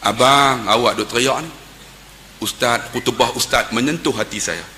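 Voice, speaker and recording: A man voicing a remorseful young man who speaks quietly and chokes up. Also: fairly low pitch, flat delivery, brisk, slight background noise, pitched below the performer's own voice. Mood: tearful.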